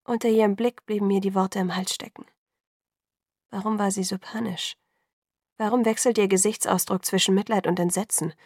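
A woman's voice: medium pitch, steady tone, normal speed, a little mellow, no echo. Woman narrating an audiobook, dry close sound. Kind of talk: scripted first-person narration.

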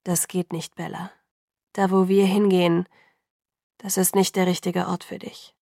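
A woman reading an audiobook, voicing a cold, grim young male vampire who speaks slowly and low. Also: little pitch movement, gravelly, warm tone, dry recording, clean studio sound. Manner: slow, low, measured and grim. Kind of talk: audiobook character voice.

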